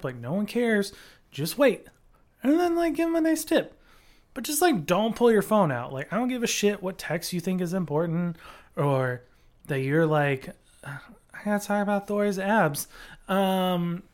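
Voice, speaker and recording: A casual podcast co-host who rants heatedly and swears freely. The speech rambles, full of "like" and "um", at a middle pitch. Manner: profane, ranting, heated; rambling with many fillers.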